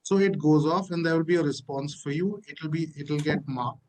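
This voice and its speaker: A man presenting a platform walkthrough on a video call, halting, with many fillers and restarts. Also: a little high, darkish tone, low-quality recording. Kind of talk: live webinar walkthrough.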